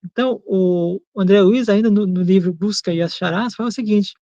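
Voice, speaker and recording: A man co-hosting a Spiritist program, talking in a measured, thoughtful way and often repeating and restating his points. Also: high-pitched, mellow, no echo, lo-fi sound. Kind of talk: reflective teaching talk.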